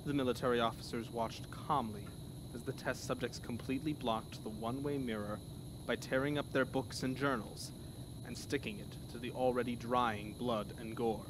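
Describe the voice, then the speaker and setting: With a steady tone at normal speed, a man reads a scripted horror story as its narrator, dramatic and theatrical. His pitch sits in the middle, and background noise is clearly heard.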